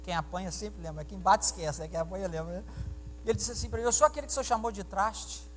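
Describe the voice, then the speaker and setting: A man's voice: high-pitched, quick pace, slight background noise. A man preaching a sermon as pastor, telling stories with acted-out dialogue and quizzing the congregation. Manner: animated storytelling, acting out dialogue and questioning the congregation. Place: church sanctuary during a service. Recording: reverberant church hall sound.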